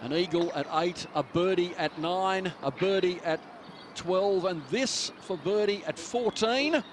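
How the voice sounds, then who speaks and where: Male golf commentator, measured broadcast delivery, on the higher side, over a music bed.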